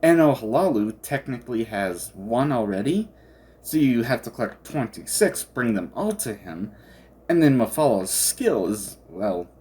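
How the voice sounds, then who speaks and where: This is a casual game commentator who rambles through thoughts in a halting way. The pitch is lively and swings widely. Sentences often trail off and get picked up again, as in an unscripted discussion.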